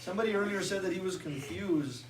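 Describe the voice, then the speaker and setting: A woman with a lowish voice reads a storybook aloud to children, speaking quickly, expressively and with dramatic emphasis while asking her listeners questions. She's indoors with a live audience, captured on a distant mic in an echoey room with audience chatter.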